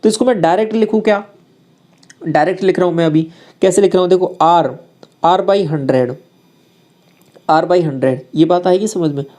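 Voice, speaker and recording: A man's voice: high-pitched, normal speed, long pauses, warm tone. A man teaching maths, working through exam problems step by step and speaking directly to his students. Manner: talks students through each step, asks them questions and answers in their voice.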